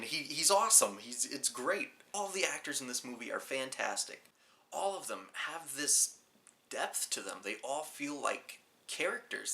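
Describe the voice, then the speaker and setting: A man's voice: mid-range voice, sharp tone. A man hosting a casual movie review, talking in a rambling, offhand way with self-mocking jokes. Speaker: film reviewer and show host.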